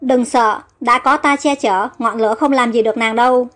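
Young pharaoh, urgent and commanding voiced by a woman, high voice, light music. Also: steady tone, moderate pace, fairly bright tone, natural voice. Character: devoted young male pharaoh.

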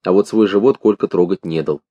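A man reads a story aloud with a dark, mellow voice, pacing it in measured, expressive phrases. The recording is dull and lo-fi, with a dry, close sound and no room around it. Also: deep voice, husky, dry recording. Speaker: audiobook narrator. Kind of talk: literary audiobook reading.

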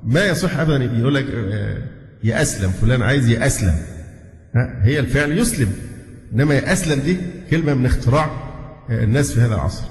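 An Egyptian sheikh teaches at a measured pace and pauses on drawn-out fillers. He sounds stern as he corrects language. His voice carries a long reverb from a large, echoey hall. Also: medium pitch, animated. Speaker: sheikh giving a religious lesson. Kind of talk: religious lesson mixing classical narration and colloquial asides.

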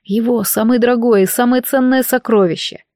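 A woman reading a fantasy novel aloud in steady storytelling narration. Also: a little high, a little fast, no room sound, clean studio sound. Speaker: audiobook narrator.

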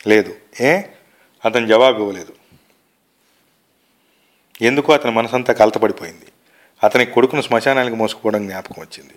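Man reading a story, measured pace. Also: fairly low pitch. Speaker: reader of short stories. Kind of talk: literary narration.

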